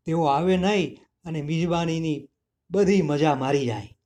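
A man's voice: on the high side, measured pace, darkish tone, close to an everyday voice. A man voicing a clever little mouse boy. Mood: pleading.

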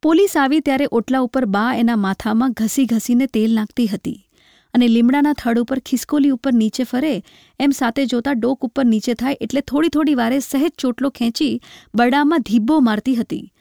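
A woman narrating a literary short story in a measured, reflective way. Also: on the high side, vocal fry, mellow, dry recording, clean studio sound.

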